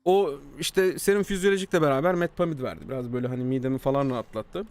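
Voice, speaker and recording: A man streaming live, telling a story casually to his chat, animated and swearing freely. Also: mid-range voice, fast talker. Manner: animated, swears freely, acts out quoted dialogue.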